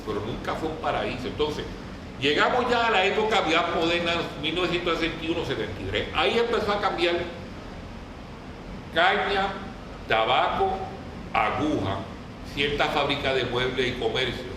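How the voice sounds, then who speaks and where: Very animated and fairly high-pitched, a man lectures a group on history at a moderate pace, informally and didactically, in colloquial speech with a Puerto Rican Caribbean Spanish accent. He frequently asks them questions. The recording comes from a very echoey room through a distant mic, with clear noise.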